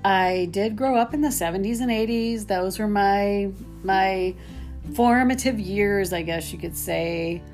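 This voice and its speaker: Female podcaster, late 40s, vocal fry, mid pitch, candid and self-mocking, faint guitar music underneath. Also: unhurried, darkish tone. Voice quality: vocal fry, sometimes low. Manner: self-deprecating, rambling, candid. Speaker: podcast host. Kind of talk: casual solo podcast monologue.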